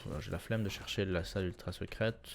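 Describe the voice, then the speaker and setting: A man's voice: sits low, fairly quick, vocal fry. Chatty young man narrating his gameplay. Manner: chatty, self-correcting, lots of filler sounds, sudden excited bursts. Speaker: gameplay commentator. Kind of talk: casual let's-play commentary.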